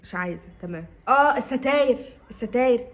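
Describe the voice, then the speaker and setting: Brief: a young woman with an Egyptian accent, very quick, playful and pleading, in a comedy sketch. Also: on the high side, expressive, slight background noise. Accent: Egyptian Arabic. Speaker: comedy content creator.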